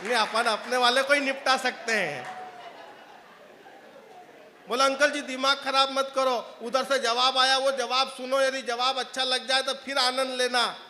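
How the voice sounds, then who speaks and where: A man working a live crowd as a comic stage poet, high-pitched and bright in tone, trading jokes and acted dialogue with the crowd. His voice rings out with a long hall reverb behind it. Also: fairly even intonation, unhurried, long pauses. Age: adult, father of a young child. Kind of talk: comic poetry stage performance.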